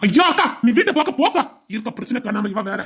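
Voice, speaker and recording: Woman doing a timid husband, tirunelveli accent, low put-on voice, whiny and pleading, talks quick. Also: big pitch swings, husky. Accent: Tirunelveli Tamil. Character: meek reluctant middle-aged husband, caught between wife and family.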